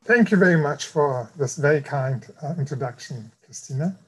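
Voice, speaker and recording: A man from East Germany with a German accent giving an academic lecture in a careful, measured way. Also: on the high side, lively intonation, husky, poor audio. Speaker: guest lecturer.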